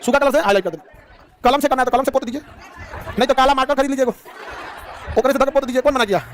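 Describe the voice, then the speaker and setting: Male teacher, high and very fast, shouts rapid quiz questions over a noisy, crowded classroom. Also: a faint crowd. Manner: shouting questions and answering them himself. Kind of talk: rapid-fire classroom quizzing. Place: classroom with students.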